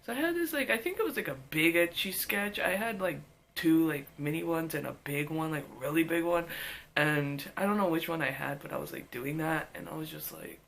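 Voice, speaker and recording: A woman vlogger telling a personal story in a casual, animated way, full of filler words. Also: sits low, brisk.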